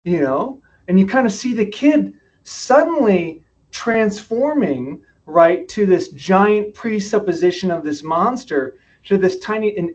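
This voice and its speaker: A man's voice: sits high, darkish tone, dull audio. A man who is a podcast guest, telling stories in a conversational, reflective way and asking himself questions aloud. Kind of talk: conversational storytelling.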